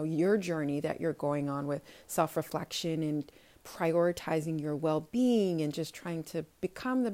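A woman podcast host giving a casual solo recap in a conversational, reflective and encouraging way. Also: medium pitch.

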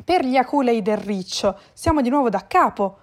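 A woman voicing a calm, kindly male cat who speaks slowly and low.

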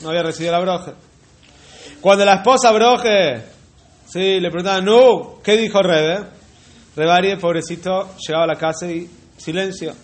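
A man telling a religious folk tale unhurriedly, repeating words and turning to his listeners with asides. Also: high voice. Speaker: storyteller.

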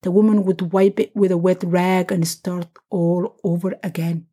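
Mellow, husky woman narrating a story. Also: fairly low pitch, little pitch movement. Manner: measured, gentle reading. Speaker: podcast host and storyteller.

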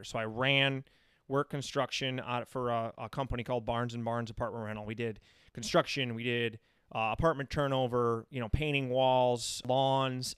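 A man's voice: medium pitch, clear, resonant tone, dry recording, studio quality. An American man in his thirties talking casually and at length, telling anecdotes as an interview guest. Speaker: interview guest, running coach. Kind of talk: casual chat.

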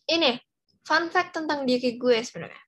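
Teenage female, high-pitched, soft non-rolled R, slangy casual co-host chat, bits of English. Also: normal speed. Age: teens. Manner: chatty, informal, slang with English mixed in. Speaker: podcast co-host.

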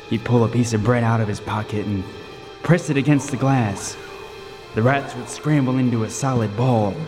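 Here a man with a natural, medium-pitched voice reads dramatic first-person narration for a radio table read. His role is a lighthouse keeper telling a horror story with gripping, suspenseful intensity, captured in a reverberant room with a little background noise.

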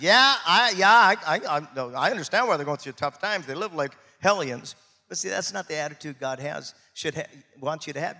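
A man's voice: on the high side, a bit bright, big-room sound. A man preaching a sermon as pastor, emphatic and repeating words to drive points home.

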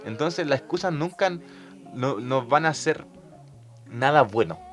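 A man's voice: mid-range voice, animated, a little slow, faint music behind. Man retelling Bible stories. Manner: conversational, retelling Bible passages with restarts. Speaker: podcast co-host.

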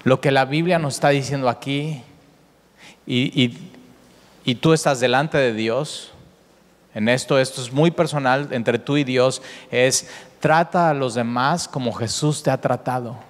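Man, pastor, sermon, animated preaching, repeats words, mid pitch, long hall reverb. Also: unhurried.

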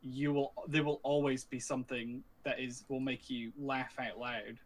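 A man's voice: medium pitch, level tone, moderate pace, slight background noise. A man talking casually about games, hesitant and full of ums and likes.

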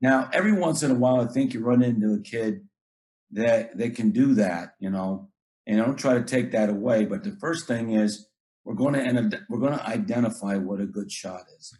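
A middle-aged basketball coach chats casually but earnestly, his voice on the low side and darkish, at a moderate pace. He tends to repeat words and acts out what he says to his players.

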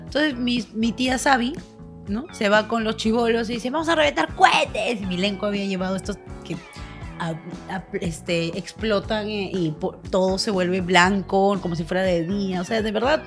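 A woman's voice: medium pitch, steady tone, moderate pace, soft background music. A woman with a Peruvian accent telling a funny family story to friends, laughing often and acting out the voices of the people in it. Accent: Peruvian Spanish. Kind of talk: casual storytelling.

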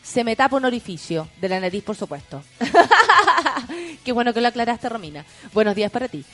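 A woman's voice: fairly high pitch, sing-song, normal speed, a bit bright, faint music behind. A woman with a Chilean accent hosting a morning show, chatting and reading the news and listener messages, giggly and theatrical. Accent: Chilean Spanish. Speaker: morning radio host. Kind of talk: casual chat and news reading.

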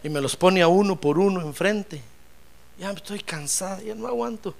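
A man's voice: sits high, normal speed, lightly acted. A man voicing a desperate woman who pleads tearfully and says she is worn out. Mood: pleading.

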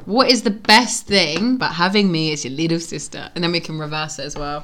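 A young woman chatting with her sister, animated and storytelling. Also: deep voice, fairly quick. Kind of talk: casual chat between sisters.

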